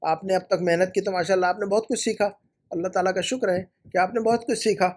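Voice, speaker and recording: High-voiced man teaching Arabic grammar. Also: fairly even intonation, darkish tone. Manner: patient, repeats words slowly for pronunciation. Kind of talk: correcting student homework in a recorded lesson.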